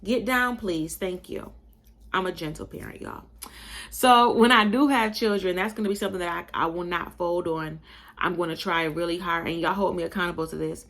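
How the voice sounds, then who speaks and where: Talking at a normal speed with a fairly low pitch, this young woman hosts a podcast and shares her opinions in a casual monologue. She comes from Buffalo, New York, carries a faint Southern tinge in her accent, and calls her audience y'all with animated, emphatic chattiness.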